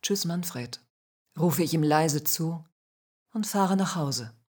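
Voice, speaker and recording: A woman with a low, husky voice tells a first-person spiritual story. She speaks slowly, calm and measured, and stays soft-spoken throughout.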